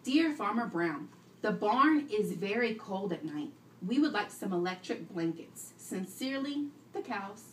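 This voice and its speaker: A woman teacher with an expressive mid-range voice reads at a measured pace to young children, directing them, asking questions, and repeating their answers back. Recorded from afar in an indoor classroom, it sounds roomy and carries faint noise.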